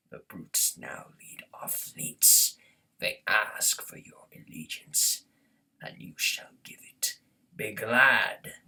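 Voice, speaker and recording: A man voicing a thunderous, wrathful alien prophet from a video game, pompous and zealous, with a husky, gravelly, breathy voice and grand, solemn oratory. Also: lowish voice, sharp tone, distant mic, heavily acted, rough recording. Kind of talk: theatrical game villain impression, grand speeches.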